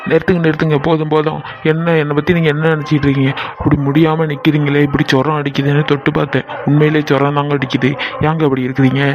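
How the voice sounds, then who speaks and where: Man voicing a fast-talking rich young son. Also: fairly high pitch, flat delivery, music in the background, lightly acted. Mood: insistent. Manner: insistent, coaxing.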